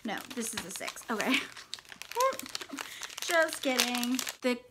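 High-voiced giggly woman unboxing. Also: normal speed, very noisy. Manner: excitable, giggly, gushing exclamations; mutters softly to herself while unboxing. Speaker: channel host. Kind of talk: casual unboxing vlog.

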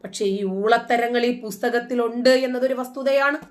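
A woman's voice: a little high, normal speed. A woman with a Malayali accent giving scornful commentary, full of mocking rhetorical questions, sometimes chanting quoted verses. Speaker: host. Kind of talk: casual commentary.

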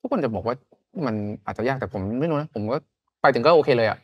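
A man's voice: mid-range voice, animated, fast, no room sound, muffled recording. A man from Thailand in his thirties, a podcast guest chatting casually in loose, slangy talk. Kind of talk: casual chat.

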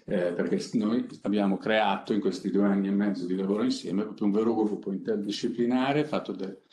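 A middle-aged man speaks from a panel table, presenting without a script and pausing often as he goes. His voice sits low. The room around him rings with echo, and faint background noise runs underneath. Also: steady tone, dark tone. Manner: conversational, unscripted, halting with frequent pauses. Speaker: company innovation director presenting a project. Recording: echoey conference room.

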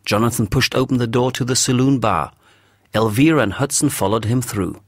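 A man narrating a story for English learners in a measured, clear storytelling voice. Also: mid-range voice, no echo, studio quality.

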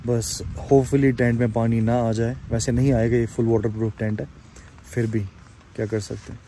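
A young adult man vlogs a camping trip, chatting casually to the camera and his companions at an outdoor campsite and inside a tent. His mid-range voice is dark in tone, with little pitch movement and a moderate pace. The phone recording is noisy, with clear ambient outdoor sound behind him.

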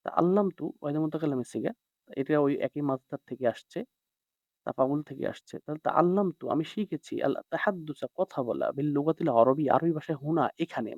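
A man's voice: a little high, a little mellow, no room sound. Man, Arabic teacher, word-by-word explaining, dry dull sound. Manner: word-by-word translating, checking in with students. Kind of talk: classroom lesson explaining a text.

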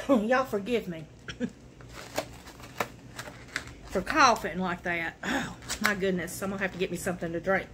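A woman's voice: medium pitch, unhurried, long pauses, heavy background noise. A woman, chatting folksily from her living room as she shows off her thrift finds to the camera. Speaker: vlogger showing a thrift haul. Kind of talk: casual show and tell.

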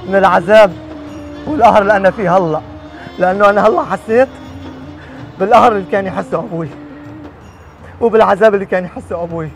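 A man's voice: sits high, creaky, low-quality recording. A man playing an aging father in a street drama, speaking in an emotional, pleading way. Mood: anguished. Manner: emotional, pleading, rising to shouts. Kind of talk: amateur street drama acting.

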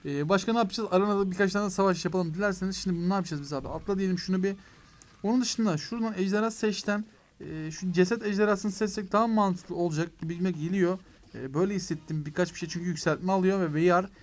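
A young man with a high voice gives quick, excitable commentary while playing a mobile game. He talks straight to his viewers and to the game itself, breaking into mock frustration when things go wrong. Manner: excitable, addresses viewers as "gençler". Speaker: gaming YouTuber.

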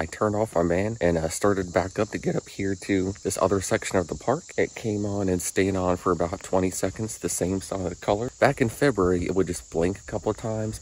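A man's voice: low-pitched, a little mellow, poor audio. A young man casually vlogging about his travels, with frequent fillers and laughs, filmed on a phone held at arm's length. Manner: rambling, laughs often, lots of fillers. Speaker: van life vlogger. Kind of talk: casual vlog narration. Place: inside a van at night, later outdoors in a park.

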